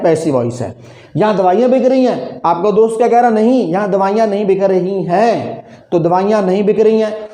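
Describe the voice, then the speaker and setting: A man's voice: high-pitched, dark tone, roomy sound. A male English grammar teacher, lecturing classroom-style, drilling students with repeated questions.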